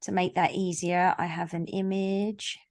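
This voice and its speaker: A woman's voice: fairly low pitch, flat delivery, measured pace, darkish tone. A woman hosting an online book launch over a video call, chatty and playful, teasing the audience and owning up to being a stickler for the rules. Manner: self-described stickler for rules. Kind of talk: casual chat on a video call. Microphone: video call mic.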